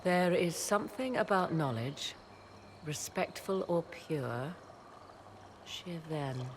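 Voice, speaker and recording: A woman with a deep voice, lively intonation, and a slow pace, carrying a slight hiss or hum, plays an aloof, sharp-tongued witch and mage. Her cool, haughty delivery uses formal, old-fashioned phrasing, recorded as a game cutscene with a faint score.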